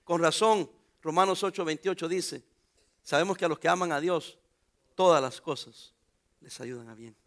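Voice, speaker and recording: A man's voice: fairly high pitch, normal speed, long pauses. A man preaching a sermon as pastor, joking and calling out to the congregation. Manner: animated preaching with jokes and calls to the congregation.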